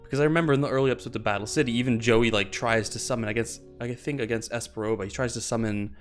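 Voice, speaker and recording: A man in a casual podcast chat who explains at length, often correcting himself mid-sentence. His voice sits at a middle pitch. Faint music plays in the background. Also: steady tone, very fast. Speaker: podcast co-host.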